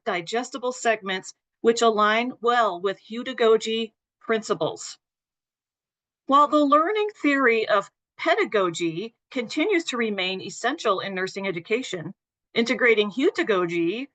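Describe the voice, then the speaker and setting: A woman nursing educator presenting a webinar lecture in a steady, explanatory way, her voice a bit worn and throat-clearing. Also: on the high side. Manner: explanatory, steady, apologetic over glitches.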